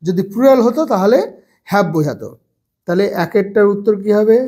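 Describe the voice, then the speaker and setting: A man teaching English grammar to children, slowly repeating phrases and spelling words out letter by letter. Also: high-pitched, lively intonation, mellow, breathy edge. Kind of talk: bilingual grammar lesson.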